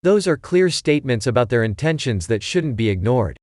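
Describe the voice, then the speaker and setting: A man's voice: mid-range voice, dry recording. Man reading advice in a dry voice. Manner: even, measured reading of a numbered list. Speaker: narrator. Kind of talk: scripted advice narration.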